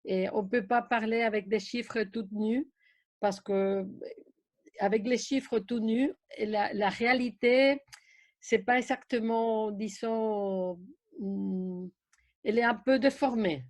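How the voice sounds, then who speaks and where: Slow, halting woman with a Spanish accent. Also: a little high, fairly even intonation, a little mellow, dry recording. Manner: hesitant, halting non-native French. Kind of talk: spontaneous panel remarks.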